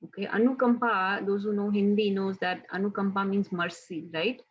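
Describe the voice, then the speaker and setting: Woman teacher for a class, husky voice, dull lo-fi sound, chatty with frequent "right?" check-ins. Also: mid-range voice, little pitch movement, moderate pace. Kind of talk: casual devotional class.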